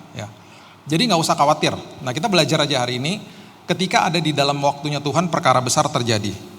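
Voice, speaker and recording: This sermon comes from a middle-aged guest pastor from Jakarta, Indonesia, whose medium-pitched voice has a slightly bright edge. Recorded live in a reverberant church hall with faint background noise, he weaves in casual personal stories and pokes fun at himself in a relaxed, storytelling manner.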